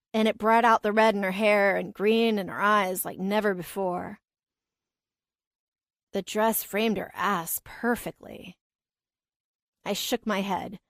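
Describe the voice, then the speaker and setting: A woman narrating a romance audiobook in a calm, even storytelling manner. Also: mid-range voice, no room sound, clean studio sound. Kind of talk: scripted narration.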